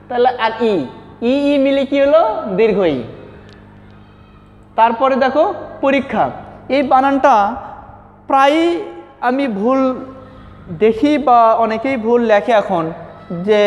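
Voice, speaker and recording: A man teaching a lesson from slides, asking questions and answering them himself and repeating key words slowly. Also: extremely high pitch. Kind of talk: classroom lesson over slides. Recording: dull reverberant recording.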